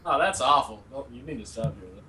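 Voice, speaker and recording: A man's voice: medium pitch, lively intonation, a little fast, sharp tone, slight background noise, rough recording. A man co-hosting a live-stream podcast, rambling through goofy asides. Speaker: podcast co-host. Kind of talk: casual live-stream chat.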